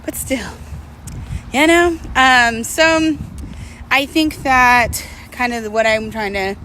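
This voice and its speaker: Her voice fairly high, pushed and bright, a thirty-something vlogger takes it slowly while walking outside. She talks casually and openly, reflecting in a confessional manner, and clear urban traffic noise surrounds her.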